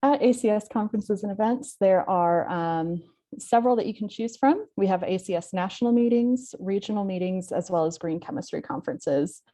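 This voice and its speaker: A woman hosting an online webinar over a video call, speaking plainly with some halting self-corrections. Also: mid-range voice, warm tone. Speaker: event host.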